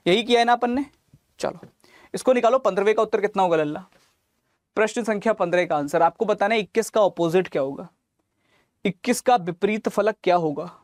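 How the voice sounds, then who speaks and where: An online exam coach, a man with a high voice, teaches reasoning by working each calculation through step by step. Calling students lalla and mere lal with fondness, he slips English terms into his talk, captured in a clean, dry studio recording.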